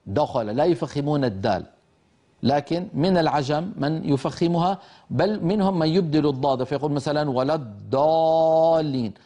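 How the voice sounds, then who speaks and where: Older man teaching in a mellow voice. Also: fairly high pitch. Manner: patient, explanatory, demonstrates letter sounds aloud. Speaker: teacher of Quran recitation. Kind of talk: lecture on pronunciation.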